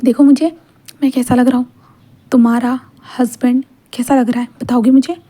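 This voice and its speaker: A woman's voice: a little high, little pitch movement, normal speed, mellow, lightly acted. A woman voicing a playful, pushy young man teasing his husband, in a storybook reading.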